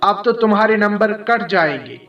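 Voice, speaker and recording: Man voicing a storybook teacher, questioning, concerned, high voice, echoey. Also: lively intonation, normal speed, fairly bright tone, recorded from a distance, lo-fi sound, faint music behind. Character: fair-minded schoolteacher.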